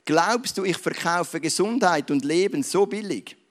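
A preacher voicing an indignant young farmer. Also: male voice, sits high, lively intonation, unhurried. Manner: indignant, scornful.

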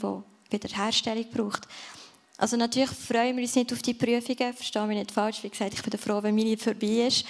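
A woman's voice: mid-range voice, vocal fry. A woman giving an earnest sermon in a church service, speaking directly to the listener and ending in prayer. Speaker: preacher.

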